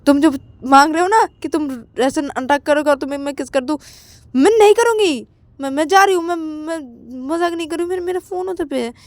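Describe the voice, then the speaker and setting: A woman's voice: sits high, a little fast, dry recording, voice pushed up. A woman voicing a bossy young woman who playfully scolds her lover, stammering and repeating words. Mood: fussing, scolding. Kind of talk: storytelling role-play.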